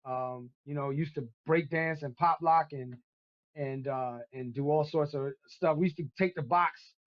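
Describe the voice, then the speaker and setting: On a casual podcast, a guest from Brooklyn, New York, in his 50s spins animated stories in street slang. His voice sits on the high side and moves a little slowly, with the highs cut off in the recording.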